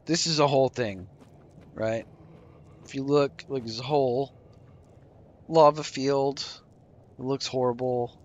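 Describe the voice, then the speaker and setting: Tired guy streaming a game, mid-pitch voice, talking through his moves, faint hum behind. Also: a little slow, pauses often. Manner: relaxed, explaining while playing, yawning. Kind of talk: casual gameplay commentary. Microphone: desk microphone.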